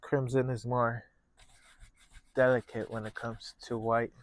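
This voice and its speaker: A man hosting a painting lesson, talking through each step casually in a gentle, encouraging manner. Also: medium pitch, little pitch movement, unhurried. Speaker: painting instructor and show host.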